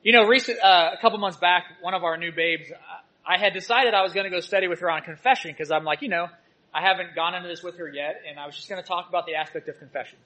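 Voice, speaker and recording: Preaching a sermon, this male church teacher shares personal stories and moves between loud urging and quiet asides. He talks fast in a high voice, captured on poor audio.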